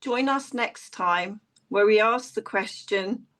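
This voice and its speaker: Slow, gentle-voiced woman podcast host. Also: medium pitch, rough recording. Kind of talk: guided meditation and casual chat.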